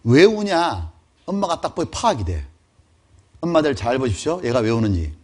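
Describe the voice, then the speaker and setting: A middle-aged male pastor giving a lively, conversational sermon and often putting questions to his congregation. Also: medium pitch, normal speed.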